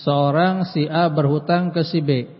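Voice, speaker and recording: A man giving a religious study lesson, reading Arabic passages and explaining them plainly, often repeating key words and clearing his throat. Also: on the high side, steady tone, unhurried. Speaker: Islamic study teacher. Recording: dull lo-fi audio with long hall reverb.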